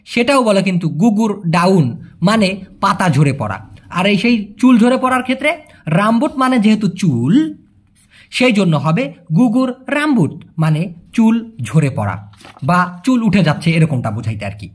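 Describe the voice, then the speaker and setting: Brief: husky-voiced male teacher, chatty, animated up-and-down delivery. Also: sits high, measured pace. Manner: chatty, explains with repeated questions and jokes. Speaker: language teacher. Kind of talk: casual language lesson.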